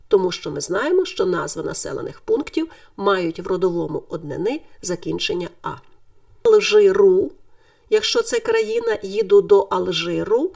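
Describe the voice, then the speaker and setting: A woman teaching a Ukrainian grammar lesson in clear, deliberate scripted speech, stressing the word endings. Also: mid-range voice, darkish tone, far from the mic.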